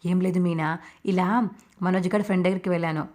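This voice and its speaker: A woman's voice: lowish voice, fairly even intonation, fast talker, darkish tone, lightly acted. A woman voicing a blunt, sly young husband in a retold TV serial, speaking plainly with light sarcasm.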